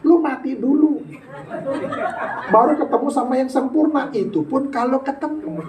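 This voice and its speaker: A man's voice: very high-pitched, normal speed, a crowd in the background. Male pastor, sermon, playful banter with the congregation, casual slang, echoey church hall, heard from a distance. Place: church sanctuary.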